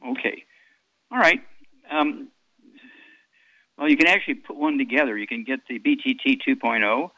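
A man's voice: mid-range voice, lively intonation, normal speed, pauses often, highs cut off. A man in his eighties hosting a call-in radio health show, rambling through product doses with many fillers and repeats. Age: 80s.

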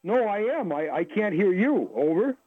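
A man's voice: high-pitched, lively intonation, moderate pace, faint music behind. A man calling in to a radio show over a crackly phone line that cuts in and out, sounding confused and testing whether he can be heard. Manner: confused, keeps saying hello and testing the line. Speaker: radio call-in caller. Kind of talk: call-in radio conversation.

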